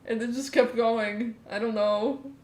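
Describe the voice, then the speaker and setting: A woman's voice: fairly high pitch, steady tone, unhurried, darkish tone. A woman with a nasal voice, joking and laughing in casual livestream chat. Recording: roomy, faint background noise.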